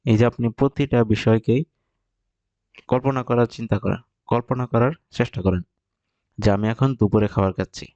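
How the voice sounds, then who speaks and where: A man teaching Japanese vocabulary, explaining step by step and repeating example phrases slowly. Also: mid-range voice, fairly even intonation, mellow, dry recording, dull audio. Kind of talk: recorded vocabulary lesson.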